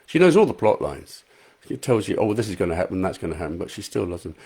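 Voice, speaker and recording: An author streaming live from a small room at home reads out viewer comments and pokes fun at himself in a chatty, casual way. His soothing voice is low-pitched, gravelly, darkish and slightly rough, very animated and fast, picked up by a high quality microphone.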